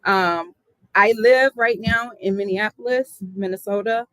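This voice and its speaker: A woman's voice: mid-range voice, a little slow, fairly bright tone, no echo, rough recording. A woman from the South Side of Chicago, a hip hop artist telling her story in an earnest, reflective interview.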